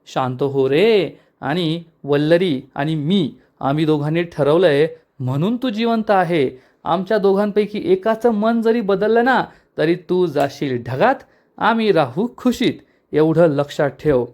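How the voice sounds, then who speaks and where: A man's voice: fairly high pitch, unhurried, a little mellow, close to an everyday voice. A man voicing a scheming middle-aged villain who mocks his older brother in a taunting, sing-song way.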